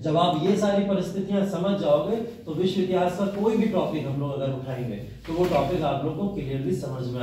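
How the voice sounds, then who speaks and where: A man with a somewhat high, darkish voice lectures a history class, asking his students questions and answering them himself. The mic is far off in a very echoey room, with a little hiss or hum.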